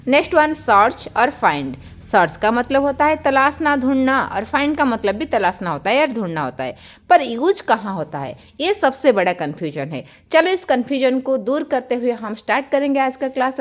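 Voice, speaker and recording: A young woman from India teaches an online grammar lesson with a high, animated voice that swoops up and down. She explains word pairs patiently and calls her viewers children. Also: moderate pace. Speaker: English teacher.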